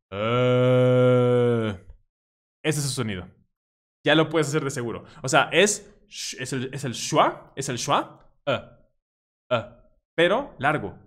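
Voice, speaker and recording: A man whose first language is Spanish, teaching English pronunciation and drilling vowel sounds with many repetitions. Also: fairly high pitch. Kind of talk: pronunciation lesson.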